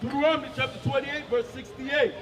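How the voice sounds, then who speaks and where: A man reading scripture aloud in a slow, shouted, declaiming way. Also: very high voice, fairly even intonation. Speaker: scripture reader. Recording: muffled, echoey, distant, faint crowd.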